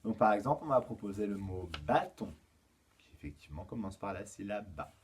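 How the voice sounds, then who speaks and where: A man teaching a remote lesson to young children, counting aloud slowly and patiently, with frequent fillers as he explains. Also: lowish voice, lively intonation, a little hiss or hum. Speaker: kindergarten teacher.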